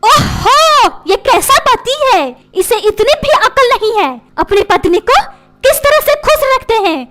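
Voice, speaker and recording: A nagging, melodramatic cartoon housewife, voiced by a woman complains in a very high voice that bounces around. She scolds and pleads, using comic dubbing. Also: expressive, measured pace, noisy background.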